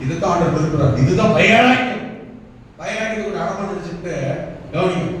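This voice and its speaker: A man's voice: high-pitched, lively intonation, fairly quick, a little hiss or hum. A male pastor preaching a sermon in a church, firing off rhetorical questions and building to emphatic calls. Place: church hall. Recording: echoey church hall, mic from far off.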